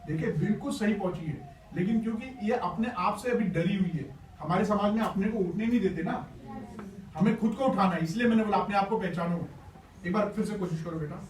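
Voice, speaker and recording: A high-voiced male teacher runs a school workshop, briskly coaxing his pupils in an encouraging, playful way. It's recorded in an echoey classroom from a distant mic, with a noisy class in the background.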